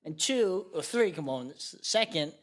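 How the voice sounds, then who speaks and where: Young guy comic telling a wild bar story on a podcast, kinda high voice, cussing a lot, yells the quotes. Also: unhurried. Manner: animated, swears freely, jumps to yelling when acting out quotes. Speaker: guest comedian. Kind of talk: casual storytelling. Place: podcast studio.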